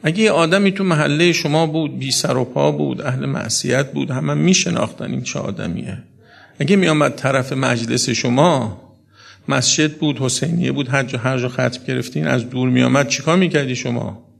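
Male preacher, gravelly, husky, mourning sermon, climbs into sobbing wails. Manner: builds to high sobbing wails, speaks to the audience directly.

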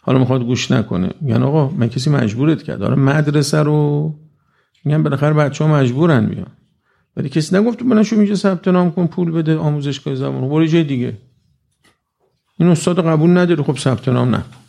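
A man gives a conversational religious lecture to a live audience, reciting verses slowly and frequently asking "right?" His voice sits on the high side, creaky yet mellow.

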